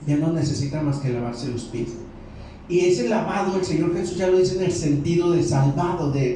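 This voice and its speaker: A man with a Mexican Spanish accent preaching a sermon as pastor, telling the story in a lively way and acting out the characters' lines. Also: on the high side, slight background noise. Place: church hall. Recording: echoey hall, mic far off.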